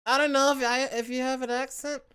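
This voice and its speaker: A young adult woman with a Southern American accent and internet influences hosts casual stream chat from home, playful, giggly and self-mocking. Her high voice is fairly quick and a bit bright, clear and resonant, though her delivery is flat.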